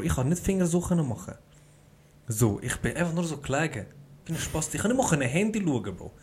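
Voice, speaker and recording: A young man with a Swiss German accent, telling slangy, animated stories in a casual podcast chat. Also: mid-range voice, a little hiss or hum. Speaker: podcast host.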